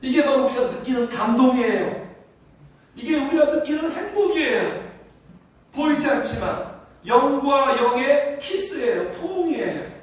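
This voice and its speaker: A pastor with a very high voice delivers his sermon, and it rings through a very echoey church hall. He leads the congregation in reading aloud together and keeps asking them questions. The sound is picked up from some distance, with a faint room ambience behind him. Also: expressive, measured pace. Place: church sanctuary.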